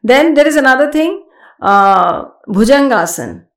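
A yoga expert with an Indian accent speaks as a podcast guest, explaining things conversationally in a high, sing-song voice at normal speed in an echoey room. She is emphatic, repeats her phrases, and moves between English and Hindi.

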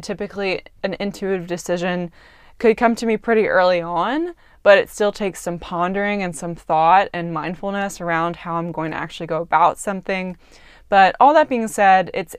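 In a relaxed, reflective solo segment, a twenty-something podcast host thinks out loud with small fillers, sounding sincere and chatty. She has a fairly low-pitched, clean voice, captured in studio quality without echo.

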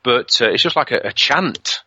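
A man from the UK, a guest on an interview, telling animated, rambling anecdotes full of fillers. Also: medium pitch, normal speed, breathy edge, no echo, dull audio. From United Kingdom. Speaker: ghost hunter guest. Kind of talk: casual storytelling interview.

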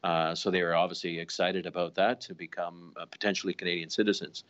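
A man who is a senior police official answering interview questions in a deliberate, official way, pausing with fillers. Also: deep voice, little pitch movement, fairly bright tone, lo-fi sound. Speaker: police deputy commissioner.

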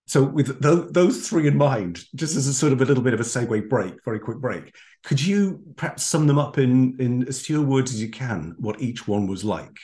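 A man's voice: medium pitch, expressive, normal speed, few pauses, warm tone. A man hosting an interview, asking long, playful, rambling questions. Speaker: podcast host.

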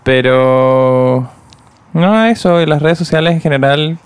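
A young man co-hosting a podcast, talking in a halting, easygoing way that hedges with lots of fillers. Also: on the high side, clean tone. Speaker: podcast co-host. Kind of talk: casual chat.

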